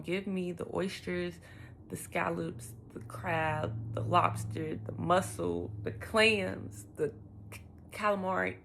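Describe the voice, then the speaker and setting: A woman with a heavily creaky, fry-laden voice talks casually to her vlog audience. She is wearing retainers, so her words come out a little lisped and muffled. Her tone is informal and expressive, with faint noise in the background. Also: lowish voice. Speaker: lifestyle vlogger.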